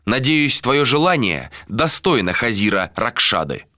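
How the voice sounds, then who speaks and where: A man playing a proud, hot-tempered lord in an audiobook, barking in a raised, strained voice. The tone comes out bright and sharp, with wide swings in pitch. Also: sing-song, a little slow, no room sound, studio quality. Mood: angry.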